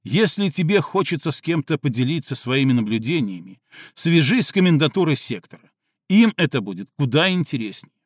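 A man voicing a sleepy, irritable man in an audiobook reading, slightly hoarse and sarcastic, sometimes barking. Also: on the high side, sing-song, brisk, dry recording, clean studio sound.

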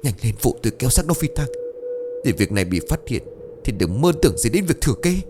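A man voicing a ruthless older brother who gives hurried, urgent commands. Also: medium pitch, sing-song, noisy background, pitched above the performer's own voice, close to an everyday voice.

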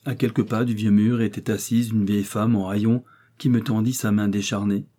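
Husky, mellow-voiced male audiobook reader. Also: lowish voice. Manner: measured, even reading of nineteenth-century prose. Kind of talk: literary audiobook narration.

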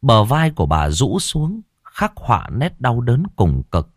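A man's voice: medium pitch, wildly swooping pitch, measured pace, no echo, studio quality. A man narrating a scripted audiobook in a solemn, dramatic storytelling manner. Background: soft background music.

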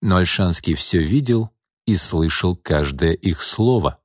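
Male narrator, audiobook, measured reading, husky, dry close sound. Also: low voice, lively intonation, dry recording. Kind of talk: scripted narration.

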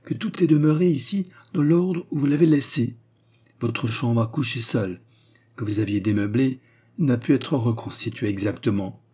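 Male reader doing a scheming young woman, falsely devoted; pitched up, pleading, dark husky timbre. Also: normal speed, natural voice. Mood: flattering. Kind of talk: audiobook character reading.

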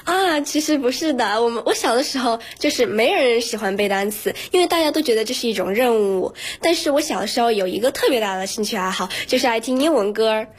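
A woman's voice: a little high, lively intonation, fast talker, hardly any pauses, husky. A teenage schoolgirl answering interview questions earnestly in a radio studio, with frequent fillers. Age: teens. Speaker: student guest.

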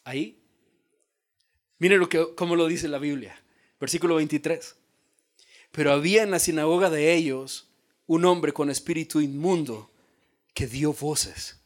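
A male pastor preaching a sermon in a dramatic style, dropping to a hush and then rising to shouts. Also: fairly high pitch, unhurried, pauses often. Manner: dramatic, acts out quoted voices, swings from hushed to shouted.

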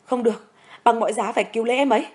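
A woman's voice: on the high side, racing, darkish tone, lightly acted. A brave, tearful young woman who tends wounds under fire, as a woman storyteller reads her lines. She speaks in an urgent, pleading way in this spoken storybook.

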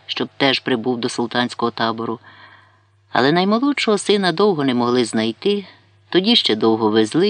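A man narrates a historical novel in a measured storytelling manner, his pitch and loudness rising and falling through each sentence. The recording is dry and close, with no room echo at all. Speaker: audiobook narrator.

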